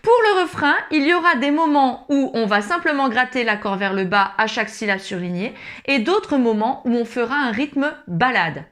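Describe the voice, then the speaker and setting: A woman teaching ukulele in an online tutorial, encouraging and talking straight to the learner. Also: a little high. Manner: encouraging, speaks directly to the learner. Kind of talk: friendly online music tutorial. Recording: loud ukulele playing under the voice.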